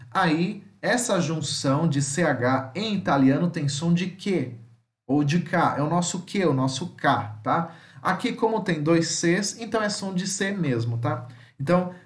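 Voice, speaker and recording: A male teacher with a Brazilian Portuguese accent giving an online vocabulary lesson, drawing out example words slowly and checking in with his students often. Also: a little high. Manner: slow drawn-out model pronunciations between chatty explanations; keeps checking in with "tá?". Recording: echoey room.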